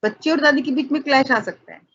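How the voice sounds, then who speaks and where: A woman's voice: high-pitched, fast talker, a bit bright, soft background music. A woman teacher giving an online class lecture, explaining step by step with examples and mixing English words into her talk. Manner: mixes English words into Hindi; addresses students fondly as children. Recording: dull, muffled audio.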